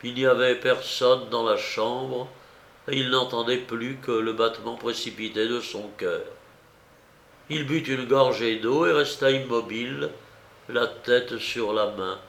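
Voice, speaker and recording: A man reading a literary novella aloud in slow, measured, grave narration. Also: mid-range voice, steady tone, creaky, a bit bright, echoey room. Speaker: audiobook reader.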